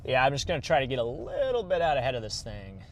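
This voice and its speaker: A man's voice: mid-range voice, big pitch swings, quick pace, muffled recording. A man giving casual, slangy live storm-chase commentary while driving, recorded inside a moving vehicle. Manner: colloquial, slangy. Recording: noisy moving car, road noise.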